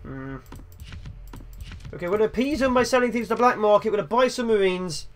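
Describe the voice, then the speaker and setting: High-pitched and expressive, this young man talks fast as he hosts a game let's play. He keeps up a chatty, jokey stream of commentary, mostly addressed to himself as he plays.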